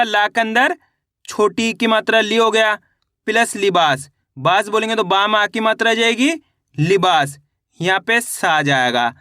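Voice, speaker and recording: Male reading teacher, high bright voice, dry close sound, sounds out syllables one by one and quizzes. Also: no echo. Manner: sounds out each syllable slowly, then asks and answers; repeats rhetorical quiz questions to the viewer. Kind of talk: children's reading lesson.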